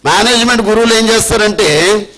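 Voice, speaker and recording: A man with a Telangana Telugu accent giving a motivational talk to students, animated and mixing in slow, emphatic English phrases. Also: sits high, low-quality recording. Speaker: motivational trainer. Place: training hall with an audience.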